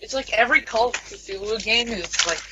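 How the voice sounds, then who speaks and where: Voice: medium pitch, moderate pace, bright, forceful tone, slight background noise, low-quality recording. A player in a tabletop game, talking crudely and with lots of swearing. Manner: crude, profane banter. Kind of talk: casual tabletop play.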